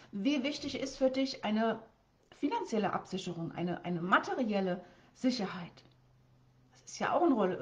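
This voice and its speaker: A woman with a fairly high voice talks viewers through their life goals on a live stream. She coaches by asking question after question, often repeating words and starting sentences over. The sound is dull and lo-fi. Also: a little mellow.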